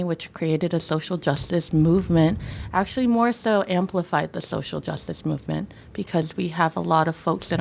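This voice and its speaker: A young woman from Sonoma County talks with earnest, easygoing warmth in a casual podcast interview. Her voice sits low and carries a gravelly fry. She leans on words like "y'all" and "folks.". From Sonoma County, California. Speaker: guest, nonprofit co-director.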